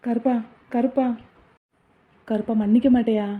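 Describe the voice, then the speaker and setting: A woman's voice: on the high side, steady tone, moderate pace, narrow, tinny audio, natural voice. A woman voicing a remorseful young man who pleads apologetically for forgiveness in an amateur audio drama.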